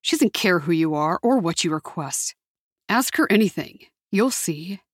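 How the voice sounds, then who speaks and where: A woman's voice: lowish voice, animated, moderate pace, dry recording, studio quality. A woman voicing a tough young man who survived a cartel, talking bluntly and coarsely.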